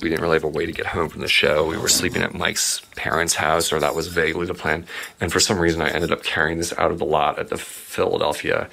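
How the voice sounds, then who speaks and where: A man in his forties giving a rambling late-night tour of his game and art room in a low, sleepy voice, with many ums and uhs. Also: gravelly, fairly bright tone, a little hiss or hum. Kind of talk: rambling home tour narration.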